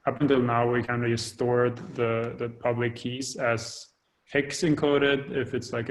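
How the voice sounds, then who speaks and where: A man explains technical work over a video call, stopping and restarting often and filling pauses as he talks. His voice stays flat, with little rise or fall in pitch. The call audio breaks up now and then. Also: rough recording. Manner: hesitant, many fillers and restarts. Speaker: developer giving an update.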